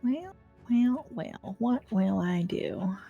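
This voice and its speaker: A woman's voice: medium pitch, lively intonation, slow, vocal fry, dark tone, breathy edge, lo-fi sound, soft background music. A woman playing a tabletop game, thinking aloud hesitantly as she casually narrates her character's moves.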